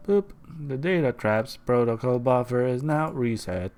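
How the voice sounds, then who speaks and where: A man's voice: mid-range voice, expressive, a little slow, a little mellow. A man streaming a game, chatting casually and reading the on-screen text aloud.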